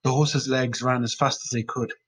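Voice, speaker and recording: A man reads a story aloud in a steady, plain manner. His voice is husky and sits at an everyday pitch. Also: moderate pace, poor audio. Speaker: narrator. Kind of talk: storybook reading.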